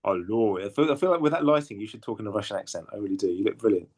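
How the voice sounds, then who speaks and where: A man's voice: lowish voice, rapid-fire, a little mellow. A man hosting a casual podcast chat, hesitant, with lots of ums and self-corrections. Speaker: podcast host.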